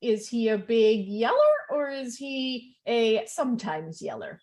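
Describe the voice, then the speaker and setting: A woman hosts a live online adoption fair, chatting and laughing with a guest over a video call in a lively interview. Her voice is a little high and unhurried, and she laughs often.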